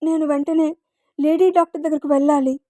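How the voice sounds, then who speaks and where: Tearful, stammering young woman; woman reader doing a high, dry, pleading storybook voice. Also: steady tone, brisk, dark tone, no room sound, lightly acted.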